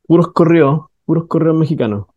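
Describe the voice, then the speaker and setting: A man's voice: a little high, fairly quick, no echo, phone-quality sound. A man with a Chilean accent, a radio host in casual banter, joking and rambling while he searches for words. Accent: Chilean Spanish.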